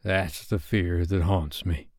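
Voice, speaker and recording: Storybook pirate captain, male, acted by a man: brooding, vengeful, petulant, low-pitched, drawn-out menace. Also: clear, resonant tone, no room sound, clean studio sound, close to an everyday voice. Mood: haunted. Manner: slow, dark, menacing delivery. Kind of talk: storybook character voice.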